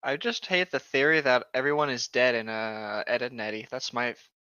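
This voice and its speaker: Co-hosting a comedy show, this man chats casually and mockingly reads internet horror stories aloud, cracking sardonic, sweary jokes. His mid-range voice is bright and forceful and runs a little fast, captured on a dull, lo-fi microphone.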